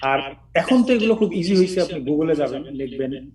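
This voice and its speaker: A man from Bangladesh teaches English word stress in a relaxed chat, demonstrating each word out loud. His voice sits slightly high and sounds distant from the microphone. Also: moderate pace.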